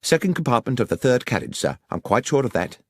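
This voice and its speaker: A man's voice: mid-range voice, big pitch swings, fast talker, husky, dry recording, pitched above the performer's own voice. A man voicing an orderly, deferential country station master in an audiobook, plain-spoken and sure of himself. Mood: matter-of-fact. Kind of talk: audiobook character voice.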